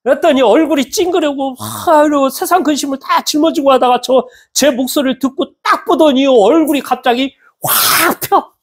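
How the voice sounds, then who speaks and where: A male pastor preaching a sermon in a church, animated and acting out the voices of people he quotes. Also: very high voice, fairly quick, hardly any pauses. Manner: animated, acts out quoted speech with lively swings in tone.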